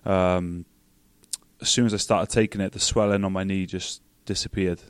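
A young Welsh man, a podcast guest, telling a story in a relaxed way with plenty of fillers. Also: low-pitched, normal speed, clear, resonant tone, no echo. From Wales. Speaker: guest, rugby player. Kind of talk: casual podcast chat.

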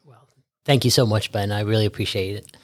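A man in his fifties from Norway, a guest physician speaking reflectively with many pauses and fillers. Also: on the low side, steady tone, no room sound, clean studio sound. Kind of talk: podcast interview.

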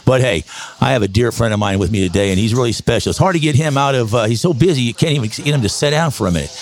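A man in his sixties from Texas, hosting a podcast in an excitable, rambling, folksy way. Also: medium pitch, rapid-fire. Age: 60s. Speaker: podcast host. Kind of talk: casual promotional podcast talk.

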